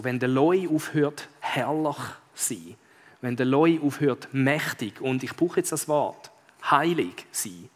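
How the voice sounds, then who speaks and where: Preacher in a reverberant hall. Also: male voice, mid-range voice. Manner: conversational, addresses listeners directly with questions. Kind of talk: sermon with read-aloud story passage.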